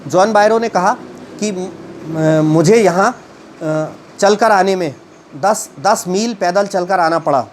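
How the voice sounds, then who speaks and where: A man with a high voice walks a class through a story. He reads English lines slowly, then retells them in a halting way, full of fillers. A faint hiss of background noise runs under the whole recording. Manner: slow and halting, with many fillers. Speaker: teacher explaining an English story. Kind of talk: reading a story aloud in English and explaining it.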